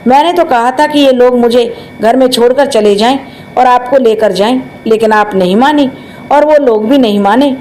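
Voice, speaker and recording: A woman's voice: fairly high pitch, moderate pace, darkish tone, slight background noise, natural voice, low-quality recording. A woman voicing an innocent, caring young sister-in-law in a storybook tale, speaking with an earnest, urgent concern.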